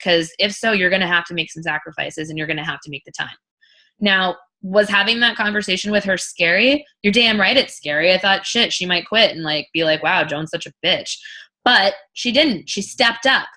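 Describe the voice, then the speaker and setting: Blunt woman coach, bright forceful voice. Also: on the low side, moderate pace. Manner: blunt, emphatic, repeats phrases, swears. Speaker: team leader and business coach. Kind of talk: informal live coaching talk.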